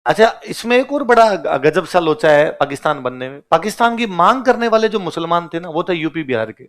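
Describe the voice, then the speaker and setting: A male history teacher giving a casual classroom lecture, telling the story in plain everyday speech and asking the class a quick question after almost every point, then answering it himself. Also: on the high side, expressive, fairly bright tone.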